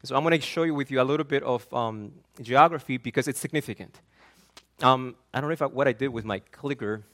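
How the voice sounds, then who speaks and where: A man's voice: medium pitch, quick pace, fairly bright tone. A man from Argentina, a pastor preaching an earnest, emphatic sermon that often repeats and restarts words.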